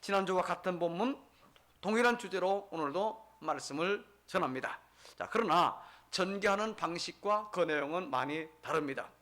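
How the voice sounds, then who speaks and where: A high-voiced middle-aged male pastor delivering a sermon. He tells stories with building emphasis and keeps asking the congregation questions that he answers himself. His pitch sits well above most men's. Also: lively intonation, normal speed, a bit bright. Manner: storytelling with rising emphasis.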